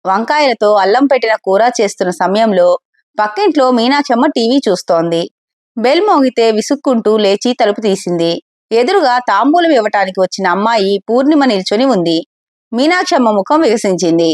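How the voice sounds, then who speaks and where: Woman narrating a story, bright and dry. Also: a little high, no room sound. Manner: addresses listeners directly and politely. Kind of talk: scripted audio story narration.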